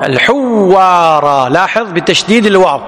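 A man's voice: high voice, animated, moderate pace, fairly bright tone. A man teaching a lesson, who repeats each word and quizzes his students. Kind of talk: classical Arabic text lesson. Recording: long hall reverb.

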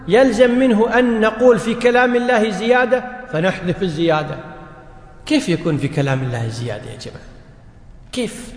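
A man with a very high voice lectures a class on scripture, putting rhetorical questions to his listeners. His voice carries through an echoey hall with a long reverb. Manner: addresses the audience directly, asks rhetorical questions. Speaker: religious teacher. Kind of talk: lecture on Quranic language.

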